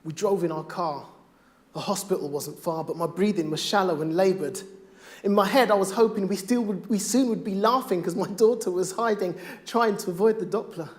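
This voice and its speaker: A middle-aged father speaking on stage, performing spoken word poetry with a rhythmic, rhymed delivery that swings from hushed to loud. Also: high voice, moderate pace.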